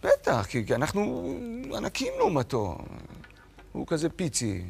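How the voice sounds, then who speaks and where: A man's voice: fairly high pitch, huge pitch swings, gravelly, slight background noise. A man reading a picture book aloud to children in a playful way, chatting with a puppet sidekick between pages. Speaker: children's storyteller. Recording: story music playing underneath.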